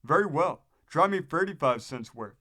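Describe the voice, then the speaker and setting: A man's voice: on the high side, expressive, moderate pace, bright, forceful tone. Man reading as a haughty, penny-pinching lady author. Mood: curt, insistent. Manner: curt, haggling. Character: haughty, penny-pinching celebrated literary woman.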